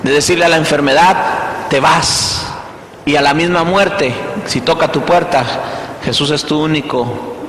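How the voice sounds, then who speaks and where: A male pastor preaching a sermon, emphatic, with repeated rhetorical questions, swinging between loud and hushed delivery. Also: on the high side, steady tone, normal speed, slight background noise. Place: church hall. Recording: echoey hall reverb.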